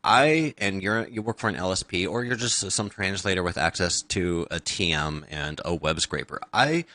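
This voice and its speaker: A man co-hosting a podcast, chatting casually with quick tangents and wry humor. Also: sits low, sharp tone, dry recording. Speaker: podcast co-host.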